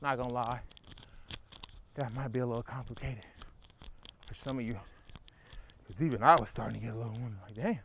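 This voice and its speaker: A man's voice: mid-range voice, a little hiss or hum. A man talking while working out, rambling and preaching in slangy street talk, winded from exercise. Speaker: fitness vlogger. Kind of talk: workout vlog monologue.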